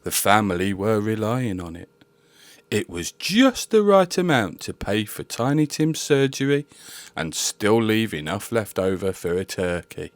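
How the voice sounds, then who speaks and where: A man's voice: on the low side, very animated, a little slow, no room sound. A man playing a sardonic, mocking ghost of the present in a comedy sketch. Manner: mocking, dry commentary.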